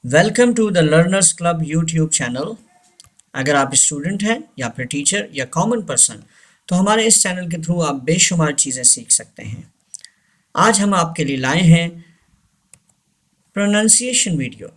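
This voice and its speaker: A man teaching English pronunciation, saying each word slowly and deliberately and repeating it for the learner to copy. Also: a little high, animated, a bit bright. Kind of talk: pronunciation lesson with drilled repetition.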